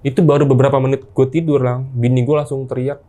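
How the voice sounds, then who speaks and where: A man, casually recounting a ghost story as a guest, halting and unhurried with slangy asides. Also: medium pitch, level tone, warm tone.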